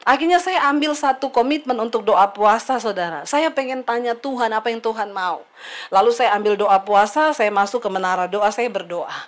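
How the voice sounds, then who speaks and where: A middle-aged woman pastor preaching a sermon in a lively, teasing way, addressing her congregation directly. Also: fairly high pitch, moderate pace.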